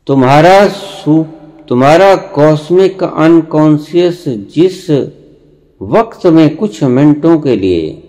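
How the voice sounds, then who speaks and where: Male spiritual teacher, slow sermon delivery, lively rising and falling pitch, stern lecturing tone. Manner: slow, deliberate, with long pauses and sudden emphatic rises; rebuking, lecturing the listeners directly. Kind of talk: spiritual discourse.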